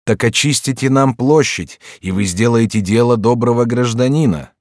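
A man reading the lines of an angry crowd of townsmen who shout accusations and demands. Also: mid-range voice, normal speed, no echo, studio quality, voice pushed up, natural voice. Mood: angry, demanding.

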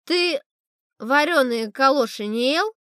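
A woman's voice: high voice, lively intonation, takes it slowly, a bit bright, dry recording, clean studio sound, exaggerated voice. A woman reading a storybook voices a rambling, wistful old sailor who talks in a confiding way. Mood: teasing. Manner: rambling, confiding, calls the boy "brother".

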